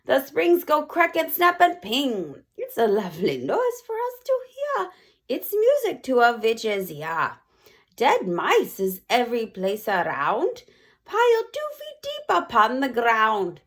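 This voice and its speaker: A woman doing a shrill, gloating old witch queen, storybook villain, loud, swooping, bad grammar. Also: huge pitch swings, slow pace, heavily acted. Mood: gloating chant. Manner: shouting, gloating, ungrammatical. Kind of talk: read-aloud children's book.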